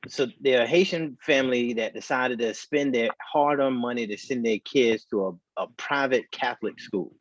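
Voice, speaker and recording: A man's voice: medium pitch, normal speed, few pauses, dry recording. A man co-hosting a casual talk show, his voice muffled as if heard through a wall, talking in earnest, heated bursts. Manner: earnest and heated, speaks in short restarting bursts. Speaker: podcast co-host. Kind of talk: casual opinionated chat. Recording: dull muffled remote call audio.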